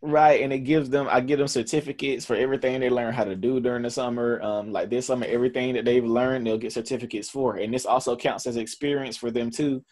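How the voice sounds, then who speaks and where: A man's voice: mid-range voice, fairly even intonation, fast talker, few pauses, darkish tone. A man in his twenties with a Southern US accent, speaking earnestly in a conversational interview with many fillers and restarts. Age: 20s. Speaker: camp founder.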